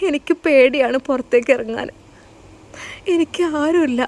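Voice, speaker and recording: Fearful lonely young mother, raised and shaky pitch, voiced by the narrator. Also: moderate pace, lightly acted. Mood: frightened. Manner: fearful, hushed.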